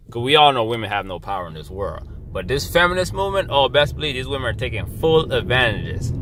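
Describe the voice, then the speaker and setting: A young man ranting to camera in a blunt, profane casual vlog, dropping to a low mutter and then jumping to loud outbursts. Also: noisy background. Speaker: vlogger. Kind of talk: casual opinion rant.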